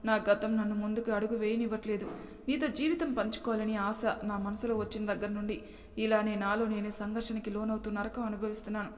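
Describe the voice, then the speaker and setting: A woman's voice: mid-range voice, level tone, a little fast, lightly acted. A woman voicing Arjun, a troubled young man. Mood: remorseful. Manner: emotional, pleading and remorseful. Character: young man, troubled and torn by his past. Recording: long hall reverb.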